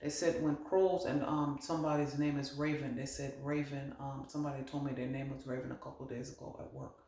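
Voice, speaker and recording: This medium's voice is medium-pitched, darkish and creaky, with little rise or fall, and he speaks briskly. His channeled card reading meanders as he thinks out loud and reports what the spirits say, all in an echoey room.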